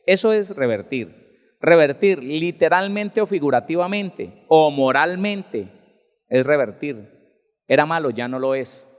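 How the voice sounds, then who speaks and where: A man's voice: unhurried, in a large hall. A male pastor giving a conversational sermon at a Bible seminar, asking the congregation questions and acting out people's excuses. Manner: lively, rises in pitch and loudness for emphasis.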